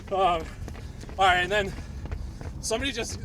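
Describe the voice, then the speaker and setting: Casting: male host, moderately high voice, loose informal questioning on the move, clearly noisy outdoor sound. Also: normal speed. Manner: informal, agreeable listener interjections. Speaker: host interviewer. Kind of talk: casual interview while running. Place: outdoors on a run.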